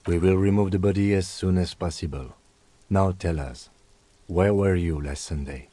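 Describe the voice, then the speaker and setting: A man playing a stern, composed police lieutenant in a video game, formal and measured as he questions. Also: low voice, mellow, no echo, lightly acted. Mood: businesslike. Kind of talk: video game character acting.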